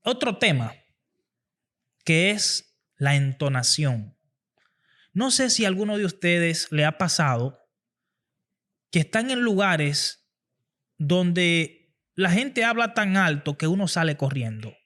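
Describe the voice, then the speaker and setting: A man's voice: high-pitched, big pitch swings, takes it slowly, pauses often, fairly bright tone. A man hosting a podcast, giving an earnest motivational talk on public speaking and repeating phrases for emphasis. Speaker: podcast host.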